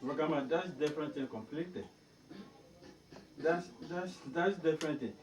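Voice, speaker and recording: A man with a high voice cuts in during a meeting. He keeps repeating that it is a different matter. His voice is caught from across the room, away from the mic. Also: normal speed, recorded from a distance. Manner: objecting, repeats phrases. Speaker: meeting member. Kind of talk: meeting debate.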